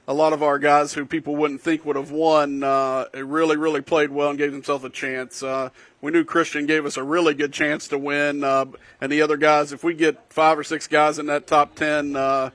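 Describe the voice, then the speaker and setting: A man giving conversational live golf commentary in a folksy, halting way. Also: a little high, flat delivery, a bit bright, no room sound.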